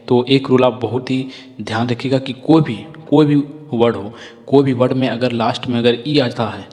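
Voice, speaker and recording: A man gives a reading lesson in a patient, repetitive way, asking the viewer questions and answering them himself. His voice sits at an ordinary middle pitch. It rings with a long reverb, as if in a hall. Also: darkish tone. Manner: patient, repeats each point and asks the viewer questions. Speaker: English reading teacher. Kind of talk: explaining lesson.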